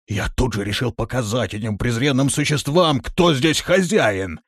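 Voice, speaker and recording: A man's voice: medium pitch, animated, moderate pace, dry recording, clean studio sound, voice pushed up. A man voicing a boastful, whining, cowardly male creature in an audiobook.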